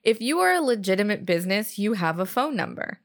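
A woman in her thirties with a mid-pitched voice, co-hosting a casual podcast. She talks in a chatty, giggly way and fills her sentences with "like.". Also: big pitch swings, fairly quick. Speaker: podcast co-host. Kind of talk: casual chat.

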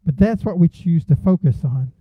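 Man preaching a sermon, high voice, earnest, sounds like a tinny phone line. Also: lively intonation, moderate pace, breathy edge, no room sound. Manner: earnest, prayerful, rising to emphatic peaks.

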